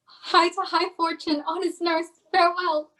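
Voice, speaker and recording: A woman's voice: extremely high pitch, little pitch movement, a little slow, fairly bright tone, far from the mic, rough recording. A woman playing an impatient young girl in love. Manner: impatient, pleading. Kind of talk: amateur Shakespeare reading.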